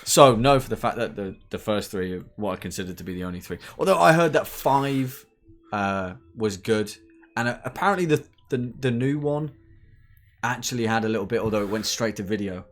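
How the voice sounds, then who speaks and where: A man's voice: on the low side, animated, fairly quick. A man co-hosting a live stream, answering viewer questions in a rambling casual chat. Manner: rambling, full of restarts and fillers.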